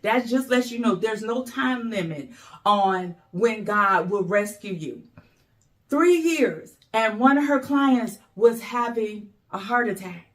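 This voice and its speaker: A woman motivational speaker giving an earnest, emotional inspirational talk, with preacher-like repetition and slow emphatic exhortations. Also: mid-range voice, expressive.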